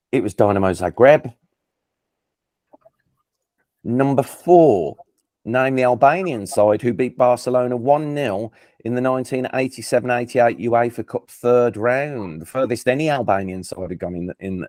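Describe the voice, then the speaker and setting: This football quiz host, a man from England with a Birmingham accent, is casual, chatty and self-deprecating, frequently stumbling and restarting. He has a lowish, darkish voice, and the clean studio recording has no echo.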